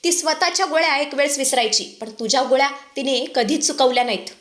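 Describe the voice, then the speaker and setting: A woman's voice: high voice, quick pace, a bit bright, echoey room. A woman voicing a spiteful young sister who insists on blaming the wife. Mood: accusing. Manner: accusing, insistent.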